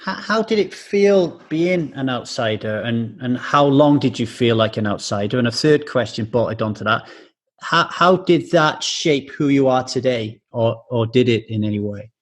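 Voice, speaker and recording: A man's voice: mid-range voice, animated, normal speed. A man hosting a podcast interview, earnest and sharing his own stories between questions. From England. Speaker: podcast host. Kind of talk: interviewing a guest.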